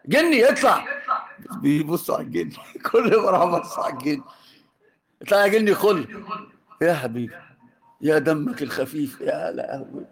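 Teasing Egyptian teacher, slightly high voice. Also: male voice, sing-song, moderate pace, creaky, pauses often, a crowd in the background. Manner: teasing, jokes with students, mixes classical and colloquial. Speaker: religious teacher. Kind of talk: informal religious lesson.

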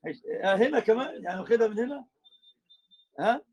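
Egyptian sheikh, brisk and lively, teasing his class mid-lesson. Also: high-pitched, muffled recording. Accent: Egyptian Arabic. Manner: animated, teasing students, switches between colloquial and formal Arabic. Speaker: sheikh teaching a religious lesson. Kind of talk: religious lesson with banter.

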